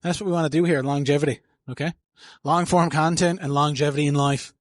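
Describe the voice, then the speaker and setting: A man's voice: on the high side, fairly even intonation, quick pace, dry recording. A man talking through his workout in a gym, coaching and rambling casually into a handheld mic, breathing hard between sets. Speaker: fitness vlogger. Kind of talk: casual gym vlog narration.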